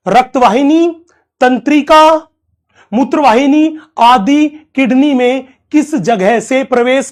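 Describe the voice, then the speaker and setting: A male teacher from India gives a drawn-out lecture. He speaks slowly, repeats each key term, and puts questions to the class that he answers himself. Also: very high voice. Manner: slow, repeats key terms, asks questions and answers them.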